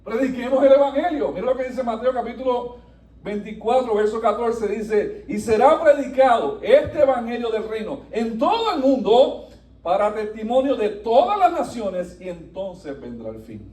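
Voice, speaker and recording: A man with a high, mellow voice preaches a sermon, rising to emphatic peaks and dropping to quiet passages. He sounds set back from the microphone in a reverberant church. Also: moderate pace. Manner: animated preaching, wide swings from soft to emphatic. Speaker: pastor. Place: church sanctuary. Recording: echoey room, voice from a distance.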